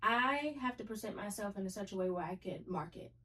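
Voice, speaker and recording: A woman's voice: mid-range voice, lively intonation, a little fast, pushed and bright, recorded from a distance, slight background noise, rough recording. A woman guest telling her dating story in casual podcast chat, earnest and reflective.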